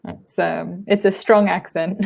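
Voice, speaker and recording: An Australian woman teaching English in a casual online chat, often pausing with "um" and laughing easily. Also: medium pitch, animated, vocal fry, a little mellow, breathy edge. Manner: giggly, hesitant with frequent ums. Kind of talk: casual conversation lesson.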